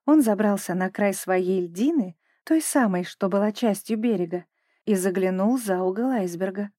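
A woman narrating a children's story in a gentle, even storytelling manner. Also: medium pitch, moderate pace, no room sound, clean studio sound.

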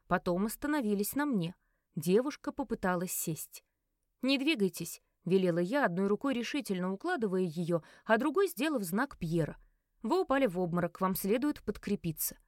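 A woman narrating a first-person novel as an audiobook, reading expressively and giving the heroine's quoted lines a sharp, commanding edge. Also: mid-range voice, no echo, clean studio sound.

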